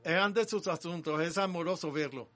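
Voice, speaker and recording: A man interpreting a sermon live, talking in an animated way with frequent restarts. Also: fairly high pitch, fairly quick.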